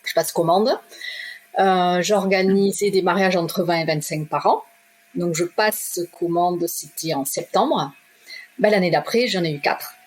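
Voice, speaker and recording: A middle-aged woman from southwest France, a shop owner, telling her own story in a direct, lively way and acting out the dialogue. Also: on the low side, unhurried. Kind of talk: animated personal storytelling.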